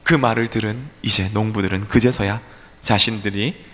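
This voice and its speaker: A man's voice: on the low side, steady tone, normal speed, a bit bright. A male pastor preaching a sermon at a midweek church service, asking rhetorical questions and acting out voices. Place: church sanctuary. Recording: echoey church hall.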